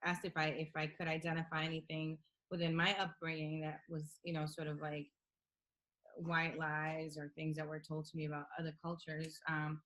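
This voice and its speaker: A woman of Dominican and Puerto Rican family speaks as a panel member in a casual video-call discussion, recorded roughly. Her low-pitched voice is monotone and fairly bright, at a moderate pace. She's conversational but hesitant, with frequent fillers and restarts.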